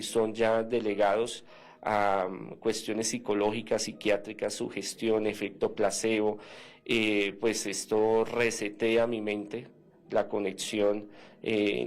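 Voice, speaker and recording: A man, a former seminarian, telling a story as a radio interview guest, acting out the dialogue with many hesitant fillers. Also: on the low side.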